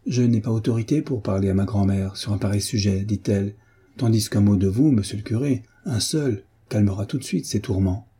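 Earnest, pleading young woman, read by a man with a very dark, husky voice; storybook reading. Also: lowish voice, a little fast.

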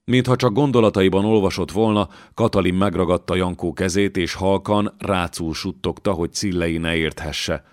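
A man narrates a historical novel in a deep, low voice. His reading is measured and dramatic, and the sound is dry and close. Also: dry recording. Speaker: audiobook narrator. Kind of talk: scripted narration.

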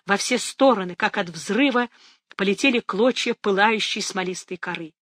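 A narrator reading a novel aloud in a measured, dramatic audiobook style, recorded close to the mic. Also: medium pitch, a bit bright, no echo.

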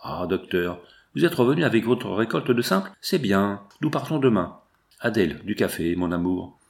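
A man's voice: fairly low pitch, big pitch swings, normal speed, vocal fry. A man doing a stern commanding father. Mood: firm. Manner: firm, authoritative.

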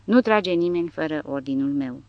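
A woman voicing a stern old soldier giving hushed orders. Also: deep voice, animated, no room sound, highs cut off. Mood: commanding. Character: old male soldier leader, stern and quiet.

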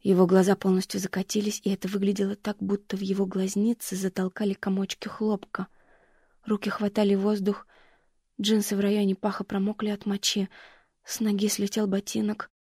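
Brief: woman audiobook narrator, husky, mellow, steady, dry booth. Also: mid-range voice, brisk, no room sound.

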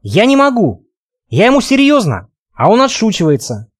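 A man's voice: high-pitched, huge pitch swings, moderate pace, voice pushed up, full character voice. A man voicing an indignant, frightened young woman who accuses her companions in an audiobook. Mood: accusing.

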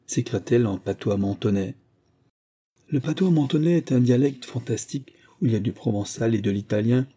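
Dark, husky male audiobook narrator. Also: medium pitch. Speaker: audiobook reader. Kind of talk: scripted narration of a novel.

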